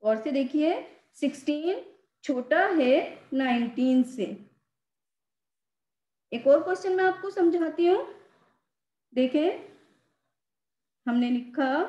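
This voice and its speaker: A woman teacher with a high voice walks young students through a math lesson, slowly and patiently. She repeats the key words and stresses each one. The voice rings in an echoey room. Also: a little mellow, lo-fi sound.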